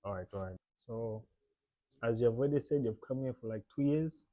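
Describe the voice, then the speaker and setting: A man's voice: medium pitch, brisk, dark tone, dry recording. A man from Malawi hosting a casual interview, calling his guest "bro" and rephrasing his questions. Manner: friendly, calls guest "bro", repeats questions. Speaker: host, interviewer.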